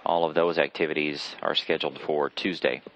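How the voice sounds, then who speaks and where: A man giving live explanatory mission commentary in a measured, hesitant way with pauses. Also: rumbling low, flat delivery, fairly bright tone. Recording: slightly dull lo-fi broadcast audio.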